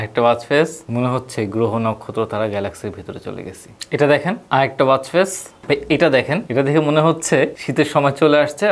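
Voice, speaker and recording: A woman rattles through a casual gadget review at a rapid clip. Her voice sits low for a woman. She is chatty, keeps turning to the viewers, and drops English words into her talk. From Bangladesh. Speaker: tech shop product reviewer. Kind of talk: casual hands-on product review.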